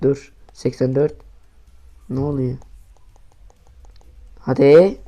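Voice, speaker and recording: A young man commentating his own mobile football match, swearing often, shouting at goals and muttering in between. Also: medium pitch, steady tone, drawn-out words. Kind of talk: casual gaming commentary.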